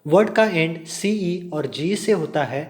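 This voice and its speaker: A male polytechnic English lecturer with an Indian accent. He reads spelling rules out slowly in English and then explains them quickly in Hindi. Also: sits high. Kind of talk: recorded classroom lecture.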